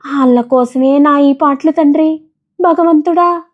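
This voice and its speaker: A woman's voice: high voice, takes it slowly, lo-fi sound, pitched above the performer's own voice. A woman doing a weary peanut-selling village woman. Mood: weary, resigned. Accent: coastal Andhra village dialect. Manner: shouting street-vendor calls, weary dialect speech.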